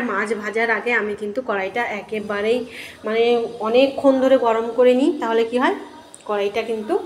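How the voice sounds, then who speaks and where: A middle-aged woman with a slightly raised pitch talks her viewers through a home cooking session in a chatty, homely way. Her voice is hoarse from a cold. Faint kitchen sounds hum behind her, and she drifts off the mic now and then. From Bengal. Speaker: cooking vlogger. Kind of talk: casual cooking commentary.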